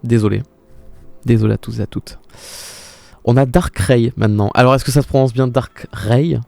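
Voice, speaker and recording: A young male streamer with a mellow, dark-toned voice, chatting casually and exclaiming as he answers his viewers. Faint music plays behind him. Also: mid-range voice, steady tone, moderate pace, vocal fry, no echo. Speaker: live streamer. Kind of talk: casual live-stream commentary.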